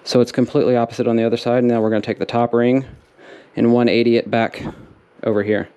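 A man in his thirties, a DIY mechanic vlogger, explains hands-on repair work in a small wooden workshop, talking casually and rambling with many fillers. His mid-range, dark voice is flat and quick, picked up by the camera mic as he works.

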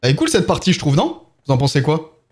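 A man's voice: on the high side, huge pitch swings, fast, darkish tone. A young French man streaming a mobile shooter live, chatting with viewers and answering their chat while he plays. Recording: game gunfire faintly behind.

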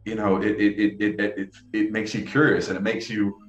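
This young adult man's lowish voice is brisk and fairly flat, with its highs cut off on a video call through earbuds. Enthusiastic and rambling in a casual interview chat, he keeps restarting sentences in a small, echoey indoor room with faint background music.

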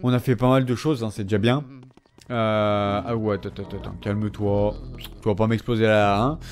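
A man's voice: fairly low pitch, normal speed. Young man, let's play commentary, casual and chatty, talks back at the game, faint game music behind. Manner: chatty, talks to game characters, excitable outbursts.

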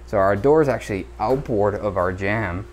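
Giving a tour of an indoor renovation job with bare rooms, a man films on a head-mounted action camera and casually talks through the construction details he points to. He speaks at normal speed with a fairly low pitch, and there's a little hiss or hum.

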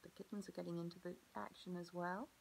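A woman preschool teacher gently reading a picture book aloud to children and asking them questions about the pages. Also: lowish voice, little pitch movement, fast talker, gravelly, slight background noise, low-quality recording.

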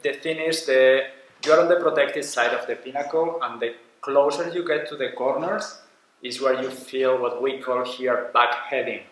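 A man who runs diving courses explains what the footage shows in plain, slightly non-native English. His voice is at a middling pitch for a man. The recording is very echoey, with faint ambience in the background. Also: normal speed, fairly bright tone, slight background noise. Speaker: scuba diving course director. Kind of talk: casual reaction commentary.

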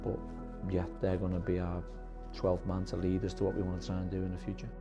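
A man talking as a football manager in a pre-match interview, earnest and halting, with many fillers. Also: low voice, monotone, dull audio, music in the background.

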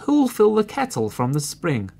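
A man's voice: high voice, huge pitch swings, normal speed, gravelly, darkish tone, pitched above the performer's own voice, full character voice. A man voicing a hardworking, patient little red hen in a storybook, asking questions in a raised voice.

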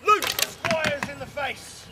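At a medieval fair, an archery display presenter calls drills to a crowd in an open field, his voice very high-pitched and slow. He shouts loud, commanding calls and teases the audience. A distant camera with no mic catches him amid heavy background noise.

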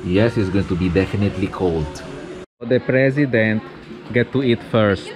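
A man in his thirties vlogging on an open-air restaurant terrace, talking into an action camera held at arm's length with wry, deadpan asides. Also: fairly low pitch, normal speed, over music. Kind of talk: casual vlog narration.

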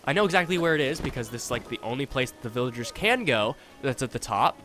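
A young man giving casual gameplay commentary, chatty and thinking aloud, with excitable reactions. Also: medium pitch, fast talker, over music. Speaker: let's play host. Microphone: desktop USB condenser mic.

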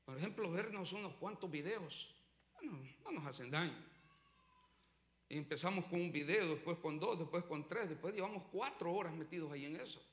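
Man preaching, very high pitch, echoey church room. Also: fairly quick, few pauses. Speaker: pastor. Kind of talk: sermon. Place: church sanctuary.

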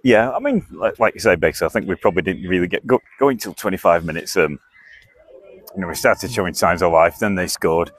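A man's voice: deep voice, animated, fairly quick, fairly bright tone, slightly rough. A man presenting a man of the match award for club radio, casual and saying "like" often. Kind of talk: post-match interview.

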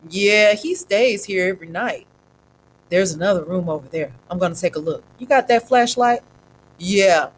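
A woman voicing rough young male thugs who talk in a threatening, street-tough way. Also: fairly low pitch, normal speed, a little hiss or hum, close to an everyday voice. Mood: menacing.

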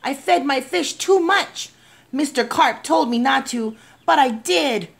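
A woman's voice: on the high side, very animated, normal speed, pitched above the performer's own voice. A woman voicing a frantic, impulsive young boy with urgent, pleading delivery in a children's storybook. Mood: panicked. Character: frantic, impulsive young boy who overfed his fish. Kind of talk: children's storybook read aloud.

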